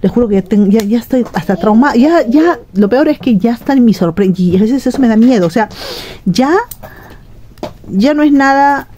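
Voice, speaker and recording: A woman's voice: fairly high pitch, lively intonation, moderate pace, warm tone, a little hiss or hum. A middle-aged woman from Peru, chatting and rambling to her viewers at home in a casual shopping vlog. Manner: chatty, rambling, frequent restarts. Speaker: shopping vlogger. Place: home, indoors.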